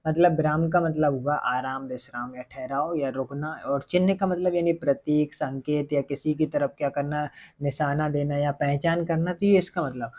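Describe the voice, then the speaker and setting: A man teaching a Hindi grammar lesson for exam preparation, often asking questions and answering them himself, and slowing down to dictate as he writes. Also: fairly high pitch, fairly even intonation. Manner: repetitive questioning, answers his own questions; slow dictation while writing. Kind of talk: online exam-prep lesson. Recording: tinny phone-like audio.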